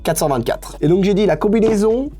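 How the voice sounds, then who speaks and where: A man's voice: high voice, expressive, brisk, warm tone. Chatty young man, faint music behind. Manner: enthusiastic, chatty, mixes English slang into French. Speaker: sneaker collector vlogger. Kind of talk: casual unscripted vlog.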